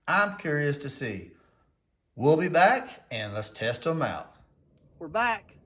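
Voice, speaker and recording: As host of a gear review video, a man chats to camera in a plain-spoken, folksy way while field testing walkie-talkies outside and inside a truck. His voice is a little high, a bit bright and slightly rough, very animated yet slow, in a dry recording. Vehicle and outdoor noise make the recording noisy.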